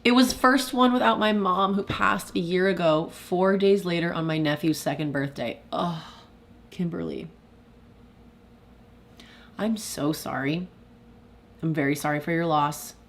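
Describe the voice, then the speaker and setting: On a casual live stream with slight background noise, a young woman speaks in a lowish voice. She reads viewer comments aloud and chats in a confessional manner, full of "like" and quick bursts of laughter.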